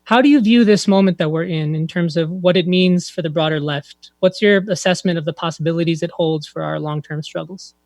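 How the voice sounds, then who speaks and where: A man's voice: on the high side, brisk, hardly any pauses, darkish tone, dry recording, studio quality. A man co-hosting a live political panel show, giving announcements and putting questions to guests. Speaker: co-host.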